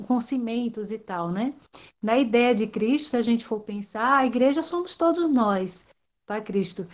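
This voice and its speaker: A woman from Salvador, talking in a rambling, hesitant way with many fillers during an online class discussion. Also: fairly high pitch. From Salvador, Brazil.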